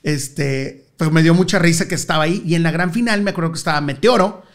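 A middle-aged man with a Monterrey accent from northern Mexico, his voice pitched slightly high for a man, tells stories to an interviewer. As the guest in this casual storytelling interview, he's animated and slangy and laughs easily.

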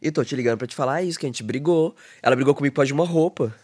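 A man talking as a podcast guest in a relaxed, casual way, full of fillers. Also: mid-range voice, very fast, husky. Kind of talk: casual conversation.

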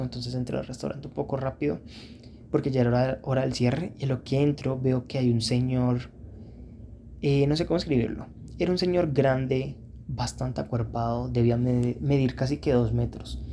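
A man's voice: medium pitch, mellow, a little hiss or hum. A man telling his own story in a candid, rambling, self-critical way. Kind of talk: casual first-person storytelling.

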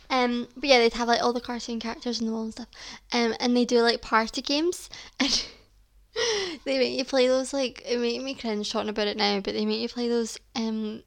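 A Scottish woman in her twenties hosting a solo podcast, chatting casually in a rambling way with lots of "like" and "um". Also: fairly high pitch. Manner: chatty, rambling, heavy use of "like" and "um". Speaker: podcast host.

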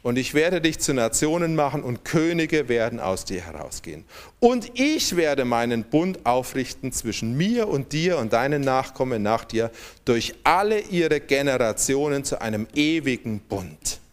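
A man's voice: medium pitch, big pitch swings, moderate pace. A man preaching a sermon, reading scripture aloud with strong emphasis and calling on the congregation to respond.

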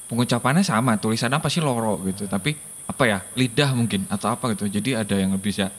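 A man's voice: fairly low pitch, quick pace, long reverb tail. A man in casual chat, patiently explaining what words mean and how they are said. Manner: patient, explains word meanings. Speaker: guest explaining Javanese words.

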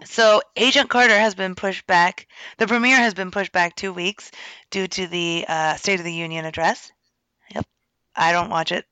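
A woman's voice: on the low side, fairly even intonation, normal speed, sharp tone, no room sound, low-quality recording. A young woman co-hosting a podcast in casual chat, wry and teasing, laughing often. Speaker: podcast co-host.

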